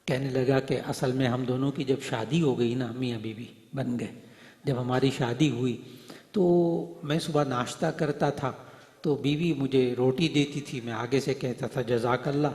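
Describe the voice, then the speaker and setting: A man's voice: medium pitch, fairly even intonation. Echoing male preacher in a hall. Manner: storytelling, acts out dialogue, swings from soft to loud. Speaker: Islamic preacher and hadith teacher. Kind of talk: Urdu religious speech to a gathering. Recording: echoey hall, voice through speakers.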